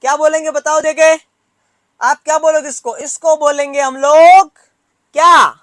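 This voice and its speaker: High-pitched teacher drilling nursing students. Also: male voice, level tone, normal speed, no echo. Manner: drills students with repeated questions, scolds playfully; mixes Hindi with English terms. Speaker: nursing exam tutor. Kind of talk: classroom lecture.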